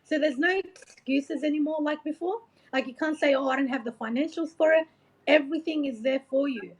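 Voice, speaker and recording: Brisk and high-voiced, an Iraqi woman acts as a motivational coach during a casual interview, rambling in an earnest, encouraging way and leaning on "like" and "you know." The audio quality is dull and lo-fi.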